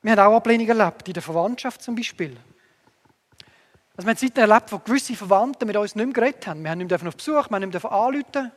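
A man preaching a sermon earnestly, moving between emphatic lines and hushed asides, with long hall reverb. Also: high-pitched, animated, racing.

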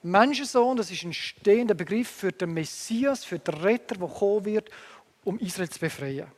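A man preaching a sermon earnestly, moving between emphatic lines and hushed asides, with long hall reverb. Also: sits high, lively intonation, normal speed.

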